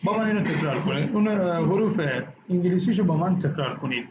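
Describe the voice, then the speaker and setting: A male English teacher giving a classroom lesson, drilling words slowly and repeating each one several times. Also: high voice, animated. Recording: echoey, dull, noisy classroom recording.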